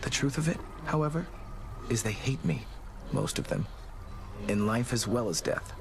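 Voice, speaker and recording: An actor playing a solemn, courteous male god of doom who speaks in a formal, measured way in a video game. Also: medium pitch, noisy background, close to an everyday voice. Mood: grave.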